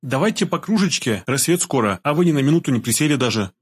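Male reader doing a gentle young woman, husky, soft and solicitous. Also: medium pitch, expressive, quick pace, pitched above the performer's own voice. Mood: caring.

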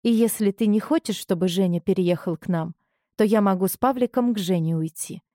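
A woman's voice: mid-range voice, a little fast, dark tone, no echo, studio quality, lightly acted. A woman voicing a grown daughter who firmly and earnestly stands up to her mother. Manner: earnest, firm, pleading. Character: grown daughter, young woman, newly defiant.

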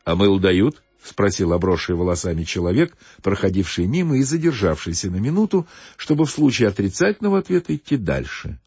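Animated husky male audiobook reader. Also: fairly low pitch, quick pace, no room sound, soft background music. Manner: very animated, acting out all voices. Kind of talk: audiobook narration of a classic story. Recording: dull dry lo-fi recording.

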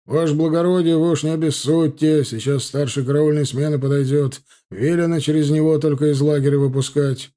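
A man voicing a rough, dutiful army sentry who politely insists on the rules, in a mellow voice. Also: on the high side, fairly even intonation, a little fast, hardly any pauses, voice pushed up, natural voice. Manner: respectful, insistent about rules.

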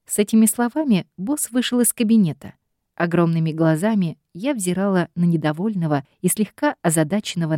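A woman reading a first-person story aloud in a steady, expressive voice. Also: fairly low pitch, dry recording, studio quality. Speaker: audiobook narrator.

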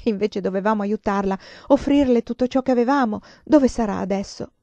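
A gentle, tired middle-aged nun, as a woman reading a novel puts her on. She speaks calmly and softly in a warm, mellow tone. The sound is dry and slightly dull. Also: medium pitch, a little fast, dry recording, natural voice. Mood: troubled.

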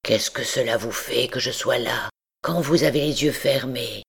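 Woman doing Quasimodo, hushed and sorrowful. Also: very deep voice, unhurried, voice pushed down, full character voice. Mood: gentle timid. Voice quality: rough voice spoken very softly. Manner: hushed, half-whispered pleading. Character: deformed deaf hunchbacked male bell-ringer, timid and sorrowful.

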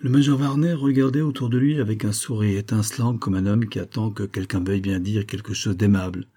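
A man reading a classic novel aloud as an audiobook narrator, in a steady, measured way. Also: on the low side. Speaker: audiobook reader.

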